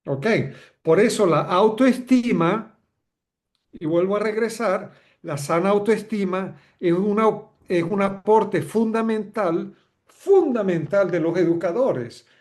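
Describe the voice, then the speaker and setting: A man's voice: sits high, unhurried, a little mellow. A man giving an online lecture on education, talking conversationally with rhetorical questions and frequent checks for agreement. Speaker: webinar speaker on educational leadership.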